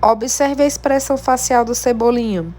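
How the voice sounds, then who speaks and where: A woman teacher, giving a remote lesson to young pupils in a slow, clear, encouraging way. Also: on the high side, steady tone, darkish tone. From Brazil. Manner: slow, clear, encouraging teacher delivery addressing children at home. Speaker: primary school teacher. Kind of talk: remote class lesson reading a textbook.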